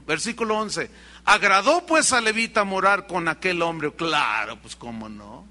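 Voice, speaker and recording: A man's voice: sits high, sharp tone. A middle-aged male pastor with a Mexican accent, preaching a sermon, telling a story and acting out the dialogue while speaking straight to his congregation. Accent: Mexican Spanish. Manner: storytelling, acts out quoted dialogue, addresses congregation directly.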